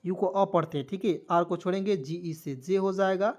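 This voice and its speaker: A man's voice: high-pitched, moderate pace, a little mellow. A man teaching an online English spelling lesson, patiently spelling words letter by letter and then repeating each word. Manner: patient, addresses viewers as friends.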